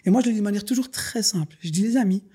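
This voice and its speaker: Man, rapid, husky, dark-toned, earnest. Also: sits high. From Belgium. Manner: earnest, preachy storytelling, addresses listeners as "les gars". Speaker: podcast guest, business owner. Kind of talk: casual podcast conversation.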